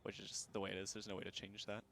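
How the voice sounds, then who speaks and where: A man chatting casually as a raid leader on a livestream. He speaks in a somewhat low voice, laid-back and loose, dotted with fillers and easy laughter. The talk is relaxed and unscripted. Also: very fast, gravelly.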